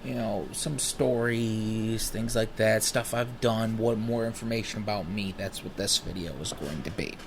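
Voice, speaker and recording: A man in his thirties, smoking while he talks, telling rambling personal stories in a casual, animated way and swearing freely. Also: fairly low pitch, unhurried, hardly any pauses, background noise. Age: 30s. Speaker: vlogger.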